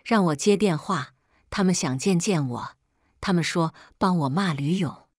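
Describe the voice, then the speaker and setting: A woman telling a first-person story as scripted narration, reading in a steady, measured way. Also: on the low side, no room sound, clean studio sound.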